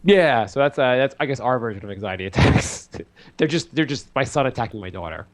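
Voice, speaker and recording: Rambling, animated man telling stories. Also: medium pitch, brisk. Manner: rambling, animated storytelling with lots of fillers. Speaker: podcast co-host; father of two small children. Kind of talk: casual chat.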